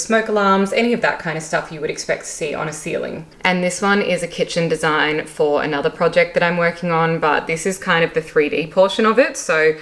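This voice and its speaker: A chatty young woman vlogging casually about her day, her voice sitting a little low. She talks easily and apologizes for her hiccups as they come. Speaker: vlogger and interior designer. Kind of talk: casual vlog chat.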